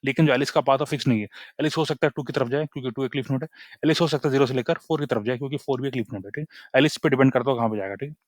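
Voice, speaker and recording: Young man, brisk casual coding tutor, dry close sound, keeps checking that viewers follow. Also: medium pitch, dry recording. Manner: chatty, repeats "ठीक है?" after nearly every point.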